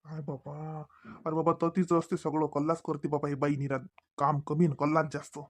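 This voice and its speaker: A man's voice: on the high side, level tone, a little fast, lightly acted. Man voicing a mild, placating village husband. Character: easygoing village husband, penny-pinching farmer.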